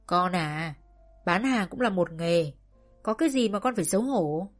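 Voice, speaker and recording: A woman voicing a gentle farm mother who coaxes and persuades softly in a storybook reading. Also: fairly low pitch, lively intonation, moderate pace, faint music behind. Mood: coaxing. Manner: soft coaxing persuasion.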